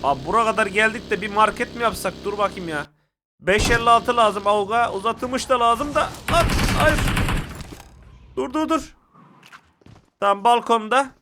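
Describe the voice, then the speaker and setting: A young man giving excitable, casual commentary to viewers while playing a mobile shooter game. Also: sits high, moderate pace, noisy background.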